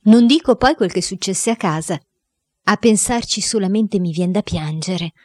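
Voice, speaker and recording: A woman narrating a children's diary novel as an audiobook reader, in an expressive storytelling manner. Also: medium pitch, normal speed, no room sound.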